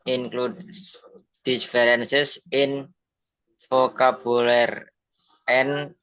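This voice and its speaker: A man with an Indonesian accent, a student reading out an English definition in class, halting word by word. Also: mid-range voice, little pitch movement, a bit bright, clear, resonant tone, no room sound, poor audio.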